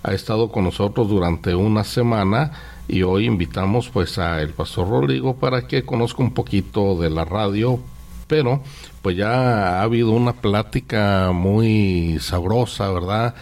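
Low-voiced friendly radio host. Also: male voice, measured pace, darkish tone. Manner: friendly, conversational, uses "pues" and "¿verdad?". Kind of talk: radio hosting. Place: radio studio. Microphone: studio microphone.

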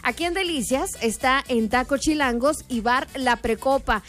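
High-voiced radio hostess. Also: female voice, moderate pace, a bit bright. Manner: chatty, laughing, upbeat announcer. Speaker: radio host. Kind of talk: call-in radio chat and event promo.

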